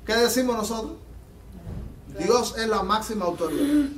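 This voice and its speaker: A man preaching a sermon as pastor, fervent and emphatic, swinging between loud peaks and quiet low passages, recorded in a church. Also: expressive, moderate pace, recorded from a distance, slight background noise. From Latin America. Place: church sanctuary. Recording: echoey church hall, off-mic.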